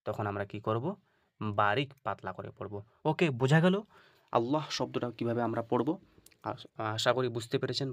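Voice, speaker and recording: A man's voice: mid-range voice, no echo. Guy teaching quran reading, patient, keeps checking you got it, dry close sound. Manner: patient and repetitive, often asking "ঠিক আছে?" and drawing out Arabic examples slowly. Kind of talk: instructional video lesson.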